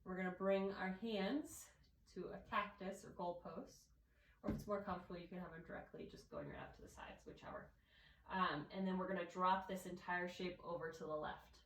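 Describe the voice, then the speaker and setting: A woman with a nasal voice from allergies, calmly guiding a yoga class step by step. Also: on the low side, fairly quick, reverberant, distant mic, rough recording. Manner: calm, gentle step-by-step cueing. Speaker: yoga instructor. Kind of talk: guided yoga class instruction.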